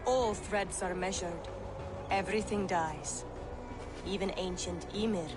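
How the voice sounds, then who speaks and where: Woman as a slow, oracular spirit of fate. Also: medium pitch, over music, close to an everyday voice. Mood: cold, knowing. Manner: solemn, oracular, cryptic chanting delivery. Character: ancient female fate spirits, cold all-seeing seers. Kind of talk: dramatic video game acting.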